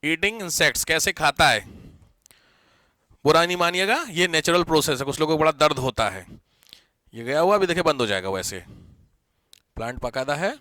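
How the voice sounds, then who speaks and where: Chatty, bright-voiced male teacher. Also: a little high, expressive, normal speed, pauses often, no echo. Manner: chatty, teasing students, mixing English terms. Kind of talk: online class lecture.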